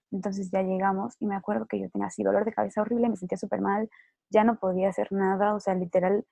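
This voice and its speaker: Gravelly, mellow-voiced Mexican woman telling a story. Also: mid-range voice, no room sound. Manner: chatty, fills talk with "o sea" and "¿no?"; acts out what others said in quick voices. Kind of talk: casual personal storytelling.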